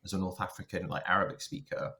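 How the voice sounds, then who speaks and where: A man who is a software engineer and linguist talks casually as a podcast guest, telling his own career story and thinking aloud as he goes. His voice is low and sharp in tone, with a flat, fast delivery.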